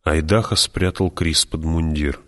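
A man narrating an audiobook in a steady, even storytelling manner. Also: extremely low pitch, unhurried. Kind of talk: scripted narration.

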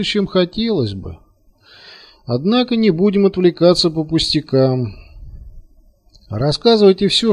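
A man's voice: a little high, a little mellow. A man voicing a cold, menacing male operative who issues threats and commands.

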